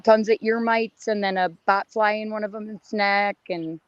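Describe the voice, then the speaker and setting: A young adult woman chatting casually as a caller, her voice hoarse and raspy as if she is losing it. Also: medium pitch, fairly even intonation, unhurried, dry recording. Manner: raspy, strained talk. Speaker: caller, college student. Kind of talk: casual chat. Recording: dull lo-fi online audio.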